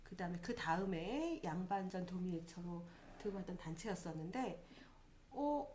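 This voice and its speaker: A woman who leads a theater troupe, chatting as a guest in an interview. She talks in an animated way, laughs often and acts out things she once said. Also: fairly low pitch, normal speed, slight background noise. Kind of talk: casual interview chat.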